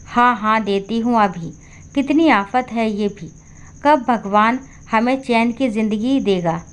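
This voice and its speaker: A woman voicing a harsh, resentful daughter-in-law who talks in a sharp, scolding way in a storybook. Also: fairly high pitch, a little slow, clean tone, lightly acted.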